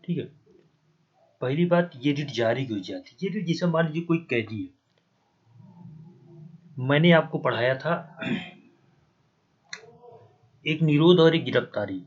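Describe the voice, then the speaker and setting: A man's voice: on the high side, lively intonation, a little slow, long pauses, breathy edge. Man, Hindi accent, exam-prep lecture, repeats checks with students, dull recording. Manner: spells out terms letter by letter, repeats "ठीक है ना". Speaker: exam coaching teacher. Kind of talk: classroom lecture, writing on a board.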